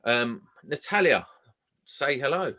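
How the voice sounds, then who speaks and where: Male podcast host, mid-pitched voice, informal chatty interviewer. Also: big pitch swings, slow, sharp tone.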